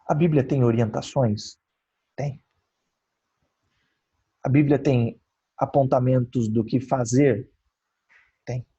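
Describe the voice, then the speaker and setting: Husky Brazilian man teaching the Bible. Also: medium pitch, fairly even intonation, takes it slowly, long pauses, dark tone, highs cut off. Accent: Brazilian Portuguese. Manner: emphatic, asks and answers rhetorical questions. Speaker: youth devotional speaker. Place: backyard of his home, outdoors.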